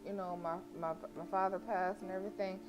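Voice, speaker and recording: An outspoken, sassy woman reacts to the game she's streaming and reads a visual novel aloud in casual slang. Her mid-range voice is steady and fairly quick, and the lo-fi recording carries plucked guitar game music underneath.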